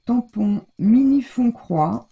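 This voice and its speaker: A woman's voice: a little high, expressive, takes it slowly, narrow, tinny audio. A French woman casually showing her scrapbooking haul, chatty and rambling, with a scratchy throat and a stuffy nose. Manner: chatty, rambling, many fillers. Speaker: scrapbooking vlogger. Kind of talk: casual show-and-tell haul.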